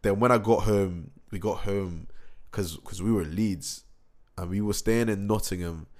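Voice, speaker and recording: A young man recapping his month in a rambling, excitable vlog, slightly hoarse from a cold. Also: low voice, normal speed. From England. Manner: excitable, rambling, slangy, many fillers and restarts. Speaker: musician.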